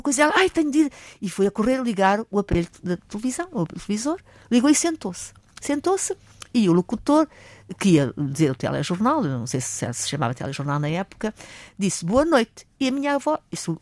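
A woman's voice: lowish voice, dry recording. An older woman professor with a European Portuguese accent, explaining and telling anecdotes hesitantly. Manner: hesitant, animated storyteller. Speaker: language professor, guest. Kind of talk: radio conversation.

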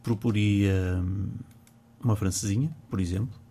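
A man from Porto with a northern Portuguese accent is a guest in a casual radio interview, recorded on a studio microphone. His voice is on the low side and dark with a breathy edge, at a moderate pace, and he talks in a chatty, hesitant way, repeating words and laughing easily.

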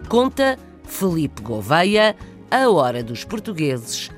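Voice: mid-range voice, sing-song, slow, faint music behind. A news presenter reading a scripted introduction in a formal manner.

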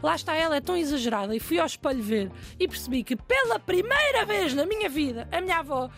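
A young woman with a European Portuguese accent telling a self-mocking comic story in a lively, animated way. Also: sits high, fast talker, soft background music. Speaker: guest storyteller. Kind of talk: comic anecdote, casual chat.

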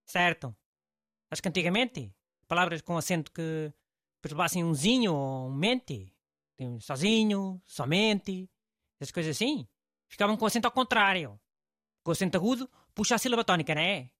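A man's voice: high-pitched, animated, moderate pace, a bit bright, no echo, clean studio sound. A man with a European Portuguese accent, playing a blunt know-it-all male host in comic scripted banter, offhand and teasing. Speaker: show host.

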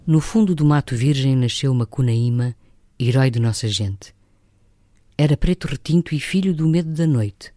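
A woman, an actress, reading a novel excerpt as literary narration in a measured, expressive storytelling manner. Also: a bass voice, no room sound.

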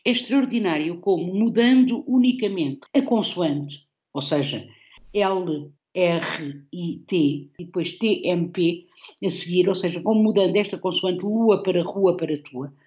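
A woman's voice: on the low side, a little slow, darkish tone, muffled recording. Reflective Portuguese woman analysing poetry. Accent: European Portuguese. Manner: reflective, analytical, with frequent tag questions. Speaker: guest poet. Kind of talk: radio conversation about poetry.

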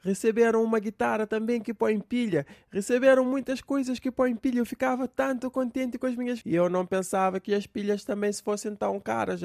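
Wry, high-voiced man doing comedy. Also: vocal fry, darkish tone, no echo, studio quality. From Cape Verde. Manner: complaining, wry. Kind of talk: comic monologue.

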